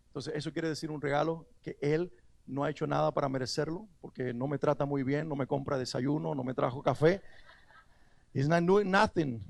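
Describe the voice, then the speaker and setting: A male pastor delivers an emphatic sermon with a high, gravelly voice. He leads the congregation in call-and-response and breaks into playful asides in English. The sound is close and dry. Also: no echo.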